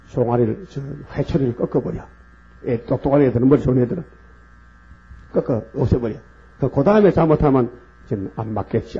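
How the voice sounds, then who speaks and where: A man preaching a heated sermon, acting out quoted voices and rising into shouts. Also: mid-range voice. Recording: lo-fi with gravelly creak and mains hum.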